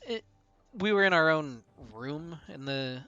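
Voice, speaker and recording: A young man casting an esports match, chatty between plays and calling the action fast when fights break out. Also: fairly high pitch, clean tone, highs cut off. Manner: rises to fast excited calls in fights; chatty, laughs between anecdotes. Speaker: esports caster. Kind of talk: play-by-play game commentary.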